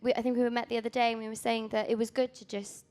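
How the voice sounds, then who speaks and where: A magazine founder in her twenties, from Wales and a native Welsh speaker, gives a rambling, casual panel talk peppered with ums and restarts. Her fairly high, darkish voice stays level and moves at a quick pace.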